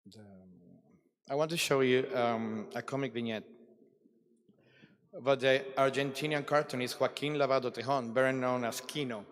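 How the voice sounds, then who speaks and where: A man giving a formal, reflective address at a conference closing ceremony, with deliberate dramatic pauses. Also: medium pitch, steady tone. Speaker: ceremony speaker. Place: large hall at a ceremony. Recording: long reverb of a large hall.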